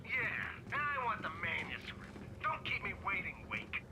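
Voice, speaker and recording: Creepy kidnapper on the phone, swoops up and down a lot, crackly. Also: male voice, sits high, very animated, measured pace, full character voice. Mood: menacing. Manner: threatening, clipped. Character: menacing male kidnapper on the phone. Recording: noisy phone line.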